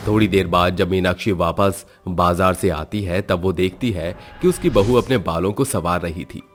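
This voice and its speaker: A man narrating a storybook cartoon in a steady, scripted way. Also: low voice, moderate pace, soft background music.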